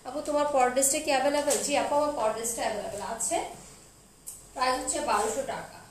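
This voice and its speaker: A young woman with a Bangladeshi Bengali accent, slowly and softly chatting through a live clothing sale and reading out viewers' comments. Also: high voice. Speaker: online clothing seller hosting a live sale. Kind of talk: casual live-stream sales talk. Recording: roomy echo with faint background noise.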